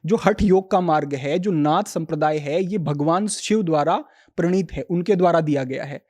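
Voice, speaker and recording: A man speaking as a yoga teacher on a podcast, calmly explaining spiritual ideas and quoting Sanskrit verses. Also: a little high, moderate pace.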